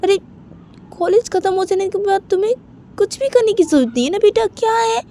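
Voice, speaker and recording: A woman's voice: extremely high pitch, animated, fairly quick, dark tone, slight background noise, pitched above the performer's own voice. A woman voicing a wealthy, doting middle-aged father who keeps asking "what is it?" in an amateur spoken story. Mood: coaxing. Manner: repeats "kya hai" and "haan" after every phrase.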